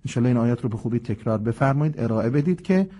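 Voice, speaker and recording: A man teaching a broadcast lesson on memorizing short verses, slowing down to spell out pronunciation and correct common mistakes. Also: medium pitch, lively intonation, mellow.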